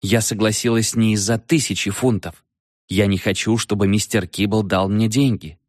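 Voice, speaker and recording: A man voicing a determined, impatient young woman in an audiobook reading, speaking brisk and insistent. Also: on the low side, steady tone, darkish tone, no room sound, clean studio sound, lightly acted.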